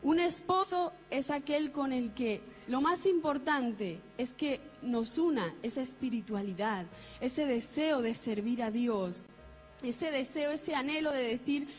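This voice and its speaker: An earnest woman pastor speaks directly to the young people in a high voice. She preaches in a steady, exhorting tone. A long hall reverb and soft music sit behind her. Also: a little slow.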